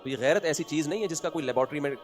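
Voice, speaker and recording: Fast-talking Urdu preacher man. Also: on the high side, faint music behind. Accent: Pakistani Urdu. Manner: swings between loud emphatic points and quiet asides; rhetorical questions answered himself. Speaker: religious scholar giving a lecture. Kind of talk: Islamic sermon to an audience.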